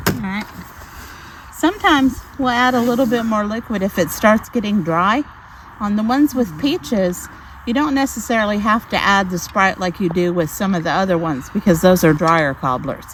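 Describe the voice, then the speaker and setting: A middle-aged woman with an Arkansas Southern accent, chatting casually and folksily as she demonstrates outdoor cooking. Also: medium pitch. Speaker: outdoor cooking vlog host. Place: outdoors in snowy cold. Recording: noisy outdoor camera audio.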